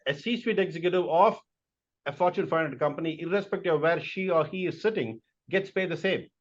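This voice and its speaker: A man's voice: a little high, brisk, highs cut off. A middle-aged man from India, a corporate executive answering interview questions in an emphatic, motivational way.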